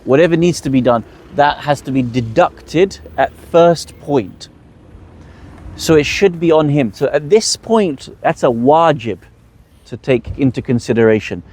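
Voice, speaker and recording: A man's voice: a little high, animated, a little slow, a little mellow. A man leading a religious workshop, explaining rules and asking the audience rhetorical questions before answering them. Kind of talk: explanatory teaching talk.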